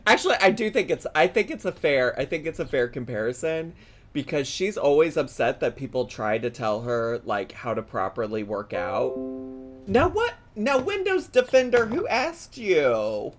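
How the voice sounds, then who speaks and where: A male host giving sassy reaction commentary, swearing and bursting into yelling. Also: medium pitch, normal speed, faint music behind.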